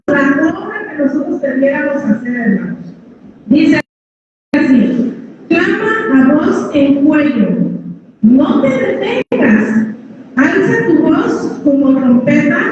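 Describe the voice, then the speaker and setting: Woman preacher, big voice, high pitch, distant and roomy. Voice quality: big, strong voice. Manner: addresses listeners as brothers, drops pitch on each "hermanos". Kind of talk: sermon. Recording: echoey hall, from far off, dull sound, noisy.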